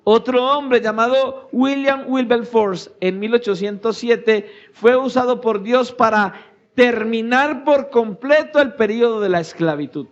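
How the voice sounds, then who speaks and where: High-voiced preaching pastor, dull recording. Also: male voice, unhurried. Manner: preaching with sudden shouted peaks and hushed low drops. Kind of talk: sermon.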